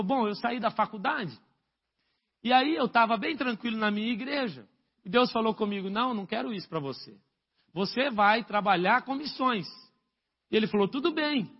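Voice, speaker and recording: A man's voice: high voice, breathy edge, highs cut off. A man, a pastor, preaching a sermon and telling stories animatedly, acting out the quoted dialogue. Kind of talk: sermon storytelling.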